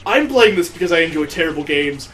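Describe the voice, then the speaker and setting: Talking fast in a slightly high, somewhat bright voice, an animated man hosts a let's play. His commentary on the game is casual and sarcastic, full of wry joking, set against video game music.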